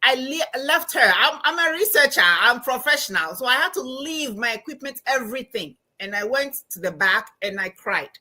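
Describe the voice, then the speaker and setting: A woman with a Ghanaian accent talks as a podcast guest over a remote line. Her voice sits slightly high and rings bright and forceful. She tells stories with animated emphasis. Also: moderate pace, few pauses. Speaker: guest, anthropology professor and financial coach. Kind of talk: casual podcast interview.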